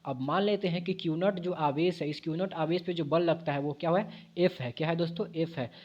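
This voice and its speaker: A man with a high-pitched voice explains physics for exam preparation. He works through each point step by step, corrects his own slips, and keeps asking the viewers to repeat answers back to him. The sound is dull and lo-fi. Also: brisk. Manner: explains at a board with self-corrections. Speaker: physics teacher. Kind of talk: exam-prep physics lesson.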